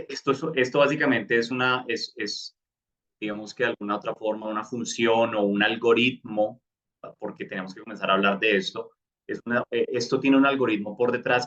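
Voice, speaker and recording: A man's voice: mid-range voice, steady tone, a little fast, fairly bright tone, lo-fi sound. A man explaining a topic in a live online class, with frequent fillers and restarts. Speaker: crypto course instructor.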